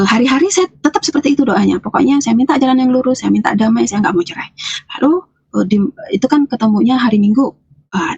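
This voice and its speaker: A woman's voice: a little high, a little mellow, breathy edge, dry recording. A woman from Lampung giving an earnest, emotional personal testimony in an interview, often hesitating, restarting and repeating her phrases. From Lampung, Indonesia. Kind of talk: personal testimony, casual speech.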